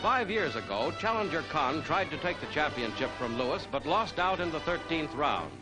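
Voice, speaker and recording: A man narrating a 1940s newsreel in a brisk announcer delivery, in the manner of old newsreel narration. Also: a little high, sing-song, low-quality recording. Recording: old newsreel soundtrack with loud music. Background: loud music.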